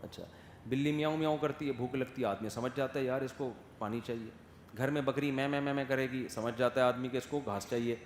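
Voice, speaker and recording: A man giving a sermon, lively, firing rhetorical questions at his listeners and acting out soft and loud voices. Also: medium pitch, a little hiss or hum. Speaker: religious scholar giving a sermon. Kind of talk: Urdu sermon. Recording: echoey hall with faint ambience.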